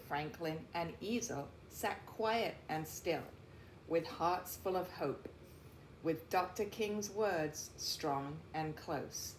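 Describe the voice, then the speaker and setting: A low-pitched woman reads from a picture book like a teacher, stressing her words deliberately and pausing for explanatory asides. The room has a noticeable echo, and faint noise sits in the background.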